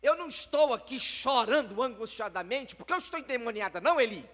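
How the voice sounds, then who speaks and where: A man voicing a grieving barren woman who pleads loudly and in anguish to God. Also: very high voice, fast talker, big-room sound. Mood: anguished pleading.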